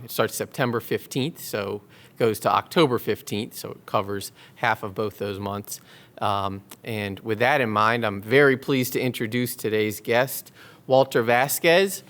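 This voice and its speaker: A man co-hosting a local business podcast, introducing the guest with frequent ums and quick agreement. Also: mid-range voice, fairly bright tone. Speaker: podcast co-host.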